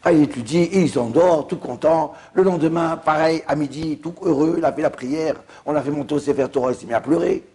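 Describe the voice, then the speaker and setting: A middle-aged rabbi giving a sermon, telling a lively story and acting out the dialogue. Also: male voice, fairly high pitch, fairly quick, few pauses.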